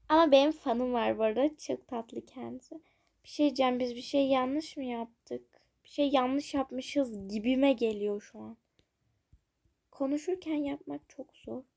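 Young female gaming channel host, high voice with some fry, casual chatter to viewers. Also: a little mellow. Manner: chatty, self-conscious, giggly asides to viewers. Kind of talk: casual gameplay commentary.

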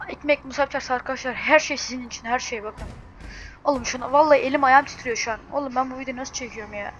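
A young woman hosting a car game video, talking in a hurried, distraught way and swearing oaths as she goes. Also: high-pitched, a bit bright, highs cut off, slight background noise. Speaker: mobile car game channel host. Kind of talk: gaming screen-recording vlog.

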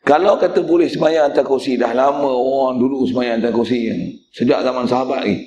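A man's voice: medium pitch, steady tone, a little fast, reverberant, highs cut off, noisy background. A male religious teacher, giving a mosque lecture in a blunt, teasing way and speaking straight to the congregation.

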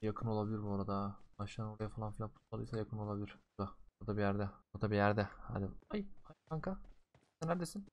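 Young male game streamer, casual slangy commentary, jumps from yelling to muttering, talks straight to viewers. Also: fairly low pitch, very fast. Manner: excitable, swings between loud outbursts and muttering.

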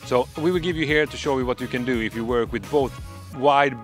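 Standing on a dark country road at night, a middle-aged Swedish man pitches a product for a demo vlog with faint music playing behind him. His mid-pitched, accented delivery is salesman-eager but halting and full of fillers.

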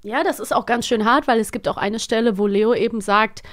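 Talking fairly fast in a slightly high, somewhat bright voice, this thirtysomething podcast co-host keeps the conversation casual over a studio mic. Laughter comes often, and she occasionally drifts off mid-thought.

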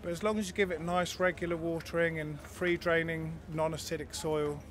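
Under a marquee at an outdoor show, a man in his thirties who works at a garlic farm stall answers questions into the interviewer's handheld mic. His voice sits a little high for a man, bright, level and brisk. He explains in a friendly, easygoing manner, now and then restarting sentences.

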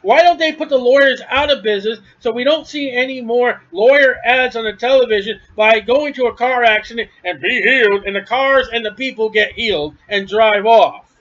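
Preaching from his house, a man with a high voice speaks at normal speed and hardly pauses, the tone blunt and scornful as he stresses each point hard. The audio is dull and lo-fi yet a bit bright.

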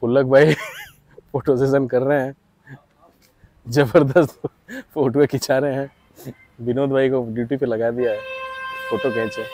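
A man's voice: medium pitch, steady tone, a little slow, long pauses, a little mellow, no room sound. A man, chatting cheerfully in a travel vlog, outdoors by a hill road, talking into a hand-held camera. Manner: chatty, cheerful, laughs often. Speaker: travel vlogger.

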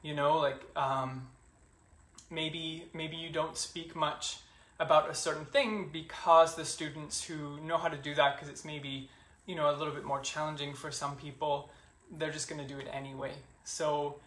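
A man teaching a yoga class, calling breath cues and explaining the flow in a relaxed, chatty way, a little out of breath. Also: a little high, moderate pace, reverberant.

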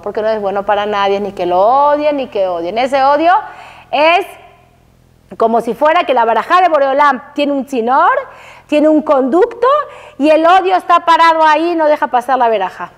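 High-voiced woman teacher, emphatic. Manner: lively, emphatic, rhetorical questions to the audience. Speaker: religious teacher. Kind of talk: Torah lecture to women. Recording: long hall reverb.

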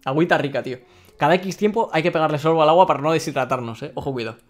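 A young man with a Spain Spanish accent hosts a live game stream, reading viewer messages aloud. He talks very quickly in a slightly high voice, excitable and quick to laugh. He often stumbles and repeats words as he goes.

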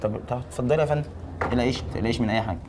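An Egyptian man pulling a hidden-camera prank, posing as a salon hairdresser. He talks at a breakneck clip in a calm, needling deadpan. His voice sits at an ordinary middle pitch, with faint room ambience behind it. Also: very fast, a little hiss or hum. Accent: Egyptian Arabic. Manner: calm, provoking deadpan with insults. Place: hair salon.

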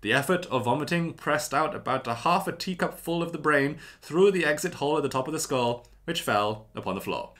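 A stiff, old-fashioned nineteenth-century doctor, as a man puts him on, reciting his report in a formal transatlantic diction. The voice sits higher and brighter than his usual speech, measured and grave throughout. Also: lively intonation. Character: stiff old-timey 1800s male country doctor.

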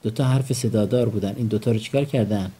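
A man's voice: fairly low pitch, mellow, husky. A man teaching English vocabulary, quizzing his students and having them repeat each word back. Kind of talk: vocabulary lesson with call and response drills.

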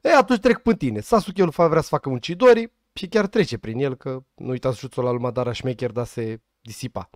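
A young man casually and jokingly recapping an anime episode, full of slang and quick asides. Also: mid-range voice, a little mellow, no room sound, studio quality. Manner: slangy, joking, puts on quick voices for characters. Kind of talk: casual comedic recap narration.

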